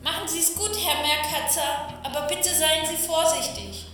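A woman's voice: extremely high pitch, fairly even intonation, a little slow, music in the background. An actress playing a resolute, practical woman in a radio drama, recorded from a distance with echo. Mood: polite, coaxing. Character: resolute, practical woman trying to coax a man down. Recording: echoey, distant, clear background noise.

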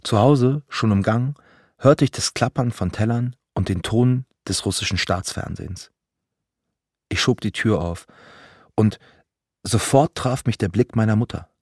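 A man in his thirties from Germany narrating a personal story in a measured, vivid, dramatic way. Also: lowish voice, a little mellow, no room sound, studio quality.

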